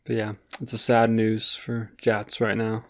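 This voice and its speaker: A man's voice: lowish voice, monotone, unhurried. A man co-hosting a comedy podcast in casual chat, dropping dry, laid-back quips. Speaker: podcast co-host.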